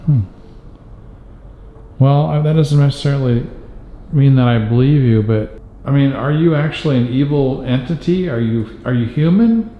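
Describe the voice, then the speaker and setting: Speaking in a mid-range voice at a moderate pace, a man investigates the paranormal by firmly questioning a spirit out loud. He's indoors on an abandoned hospital floor, and the recording has a dull, roomy hall sound.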